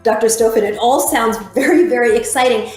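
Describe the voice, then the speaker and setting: A woman host moderating a panel, asking questions in an animated way. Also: on the high side, brisk, roomy sound, faint music behind.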